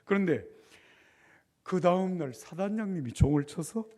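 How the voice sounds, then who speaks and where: An older man, a pastor, telling a story in a revival sermon with lively acted dialogue. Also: high voice, normal speed, a little hiss or hum.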